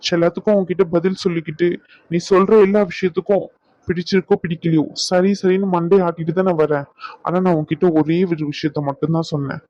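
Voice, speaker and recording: A man's voice: high voice, steady tone, fast talker, dry recording, natural voice. A man voicing a wounded, stubborn young husband in a Tamil audio drama, lecturing his wife in a stern tone. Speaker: husband Raghu, hurt and stern. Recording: dull, lo-fi dry recording.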